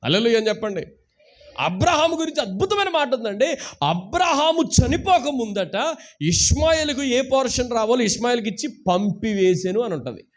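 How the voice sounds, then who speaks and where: A man with a notably high voice preaches a sermon to his congregation. He keeps throwing rhetorical questions at the listeners and urges them to shout hallelujah. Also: lively intonation, normal speed. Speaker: pastor. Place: church service streamed live.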